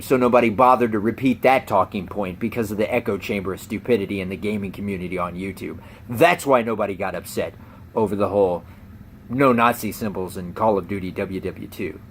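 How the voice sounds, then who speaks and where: A man's voice: on the low side, a little fast, slight background noise. A man hosting a comedic news rant, sarcastic and mocking, who laughs at his own jokes. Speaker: YouTube host.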